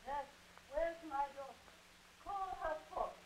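A woman's voice: high-pitched, slow pace, noisy background. A stately declaiming noblewoman. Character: stately noblewoman calling for her daughter. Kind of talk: stage acting within a radio drama. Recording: echoey and distant old radio recording.

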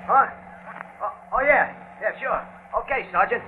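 An absent-minded drugstore keeper in a 1930s-style radio drama. His voice is a little high, hesitant and mild. The old recording is thin as a phone line. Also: unhurried, slightly rough. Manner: hesitant, repeats himself. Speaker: drugstore owner.

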